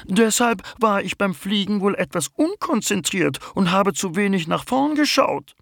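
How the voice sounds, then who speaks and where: A man voicing a sleepy young female bumblebee queen in a children's story, in a squeaky, drawn-out voice. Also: expressive, vocal fry, a bit bright, dry recording, studio quality, exaggerated voice. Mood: apologetic.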